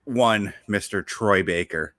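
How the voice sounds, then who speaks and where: A man hosts a casual podcast about video games, his fairly low voice slow and a bit bright in a studio-quality recording with no room sound. He talks enthusiastically and rambles, often backtracking mid-sentence.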